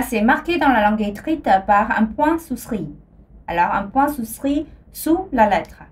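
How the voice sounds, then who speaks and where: Woman language teacher, slow and careful, a touch high, repeats every example. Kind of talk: scripted language lesson.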